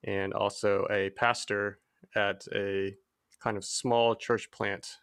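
A young man from Texas co-hosting a casual podcast. He speaks in a slightly low voice. He pauses often and fills the gaps with ums. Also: gravelly, clean tone. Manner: relaxed, hesitant with many ums. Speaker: pastor and podcast co-host. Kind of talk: casual chat.

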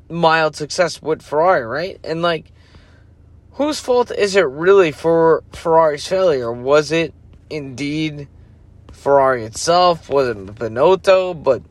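Tired guy rambling through a late night rant, keeps losing his train of thought, a bit higher voice. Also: lively intonation, takes it slowly, no echo. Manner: rambling, loses focus, self-interrupting. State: sleepy, yawning. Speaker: podcast host. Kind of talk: casual rant.

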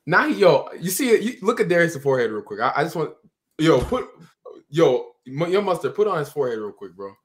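A man with a slightly high voice and very lively, swinging intonation. He chats casually as a co-host, teasing his friends in slangy frat-bro style. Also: fairly quick. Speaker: podcast co-host. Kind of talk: casual chat.

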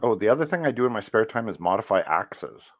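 A man who does voice acting appears as an interview guest, talking at a quick pace in a lowish voice. He's relaxed and rambling, telling stories full of fillers, with no room sound in the recording.

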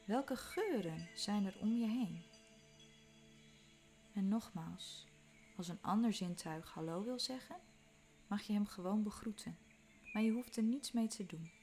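Slow, calm woman guiding a meditation. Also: mid-range voice. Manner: slow, calm, soothing instructions with soft whispered moments. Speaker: meditation guide. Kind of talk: guided walking meditation. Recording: faint music behind.

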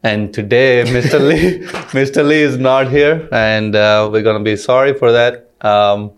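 A man's voice: mid-range voice, unhurried, clear, resonant tone. A man hosting a casual podcast, laughing often between his lines. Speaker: podcast host.

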